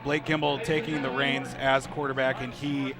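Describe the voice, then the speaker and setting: A man's voice: mid-range voice, flat delivery, normal speed, loud music behind the voice. A man working as a color commentator, analyzing football plays and replays. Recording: crowd noise at outdoor stadium.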